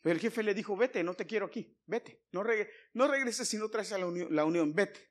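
A man preaching a sermon to his congregation, moving from loud, emphatic appeals to quiet, hushed storytelling. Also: high voice, brisk. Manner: addresses listeners as brothers.

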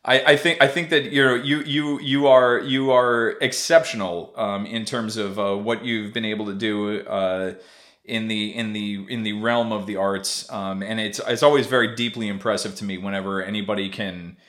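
A podcast host runs a casual interview, rambling through his questions with lots of fillers, frequent restarts and easy laughter. His voice is fairly low and steady, fairly bright in tone, at a normal speed.

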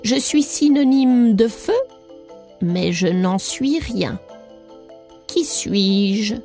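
A woman voicing an old, wise female priestess who speaks in slow, solemn riddles in a read-aloud storybook. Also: mid-range voice, expressive, mellow, soft background music.

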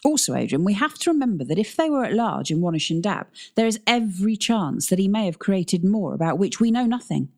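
A woman's voice: medium pitch, big pitch swings, a little fast, few pauses, a little mellow, voice pushed up. A woman reading a storybook, voicing a cautious, worried uncle who speaks earnestly and insistently.

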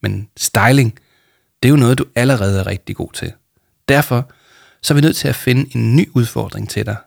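A man reading aloud voices Paul, a calm and gentle adult counsellor. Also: medium pitch, creaky, no echo, studio quality.

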